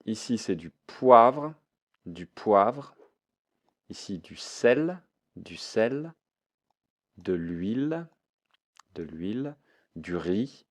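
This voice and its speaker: A man teaching a French vocabulary lesson, repeating each word and mixing in English explanations. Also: on the low side.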